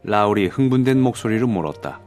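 A man narrating an audiobook in a steady, even storytelling manner. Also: fairly low pitch, brisk, faint music behind.

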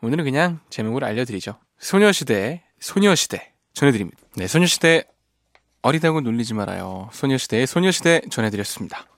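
A man's voice: medium pitch, sing-song, a little fast, dry recording. A man hosting a radio show in a studio, reading listener messages and teasing them playfully with frequent laughs. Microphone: studio microphone.

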